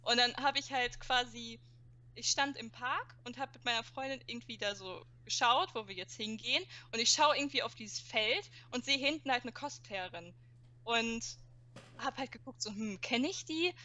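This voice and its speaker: A woman's voice: a little high, moderate pace, bright, forceful tone, dull audio. A young woman telling funny convention anecdotes in a casual chat, acting out quotes with youth slang.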